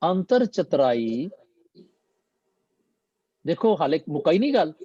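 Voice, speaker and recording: A man teaching and explaining scripture in a slow, deliberate manner, slipping English phrases into his talk. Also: on the high side, very animated, warm tone, breathy edge, no echo, muffled recording. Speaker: Gurbani teacher.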